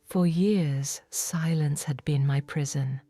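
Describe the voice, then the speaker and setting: A whispered role-play of a forgiven woman of biblical times, voiced by a woman, tender and awed. Her hushed voice sits low and mellow, unhurried and reverent, close and dry against a faint musical bed. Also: dry recording, faint music behind. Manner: hushed, reverent, intimate first-person storytelling. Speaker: audiobook narrator.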